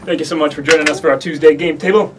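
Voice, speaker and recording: A man's voice: fairly high pitch, fairly even intonation, very fast, distant mic, background noise. A man hosting a board game show, chatting casually at the table.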